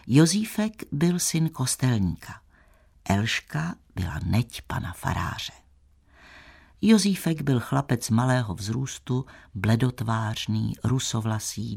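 A male audiobook narrator reading an old village tale in a measured, old-fashioned way. His voice is gravelly and noticeably husky, sitting at a middling pitch. The pacing is steady and deliberate. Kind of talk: scripted narration of a classic tale.

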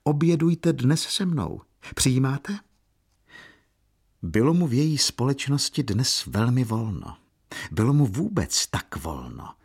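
A man narrating a novel aloud in a slow, lyrical way. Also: fairly low pitch, slightly rough. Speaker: audiobook narrator. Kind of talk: scripted narration.

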